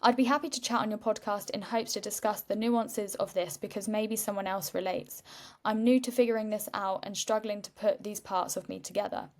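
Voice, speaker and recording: A woman's voice: medium pitch, steady tone, brisk, darkish tone. A woman hosting a podcast, chatty and rambling, tired, laughing often. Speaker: podcast host. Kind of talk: casual chat.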